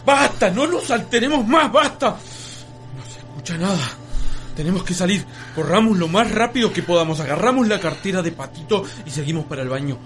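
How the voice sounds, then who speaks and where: An actor playing a calm young man who soothes and urges the others in a radio drama. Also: high voice, brisk, faint music behind. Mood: urging. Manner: soothing, urging.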